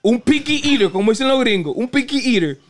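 Male host, playful and joking, high lively voice. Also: fairly quick. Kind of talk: casual chat.

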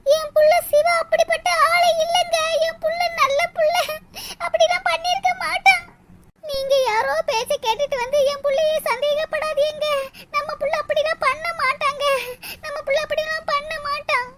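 A woman's voice: steady tone, normal speed. A woman voicing an anxious, doting middle-aged mother in a cartoon, pleading with worried questions, with a southern Tamil accent. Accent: southern Tamil, Tirunelveli. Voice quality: squeaky sped-up high voice. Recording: loud background noise.

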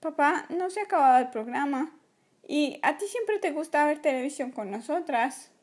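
A woman voicing a whiny little toy girl with a squealing, very high voice in a toy play video. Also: animated, normal speed, darkish tone. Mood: pleading.

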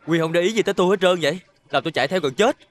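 A man's voice: high-pitched, rapid-fire, natural voice. An actor playing a lovestruck, spoiled young man with a Southern Vietnamese accent, pleading in a boyish way. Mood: eager. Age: young adult.

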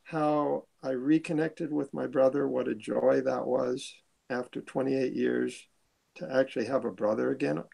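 A man's voice: mid-range voice, fairly even intonation, measured pace, creaky, mellow, low-quality recording. An older man talking as a guest on an interview show, earnest and stumbling over his sentence starts. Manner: earnest, repeats words when starting sentences. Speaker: guest, musician. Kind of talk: casual interview chat.

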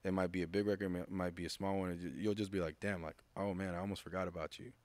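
The speaker is an American man in his thirties, a music producer on a studio podcast, using a studio mic and headphones. He talks fast in a low, slightly mellow voice with a flat delivery and no echo. The interview chat is casual and laid-back, full of restarts and acted-out quotes.

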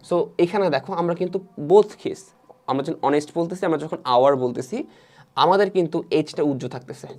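A man's voice: a little high, a little mellow. A man teaching an English grammar lesson, repeating each rule and asking his students questions he then answers himself. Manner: fast, repetitive, asks the students questions and answers them himself. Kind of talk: online lesson explaining grammar.

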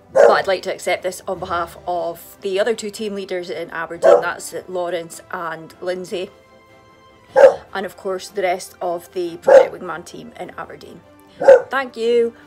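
A woman at an ordinary pitch speaks shyly, brushing off praise. Loud music plays under her video call audio. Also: fairly even intonation, measured pace. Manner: bashful and laughing. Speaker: award winner. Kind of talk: casual acceptance speech.

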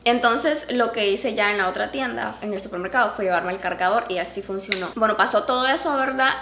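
A woman vlogger and mother telling a story casually to her viewers, animated, with a higher pitch whenever she acts out what others said. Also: a little fast. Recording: echoey room with faint background noise.

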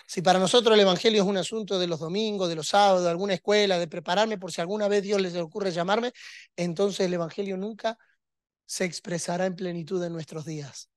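A man's voice: high voice, fairly even intonation, a little fast, no room sound, clean studio sound. A man preaching a sermon, emphatic and rhetorical, with touches of humor.

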